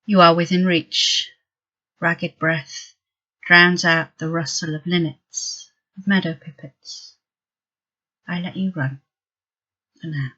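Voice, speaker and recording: A poet reading a poem aloud with a flat, unhurried delivery. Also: medium pitch, lo-fi sound. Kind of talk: poetry reading.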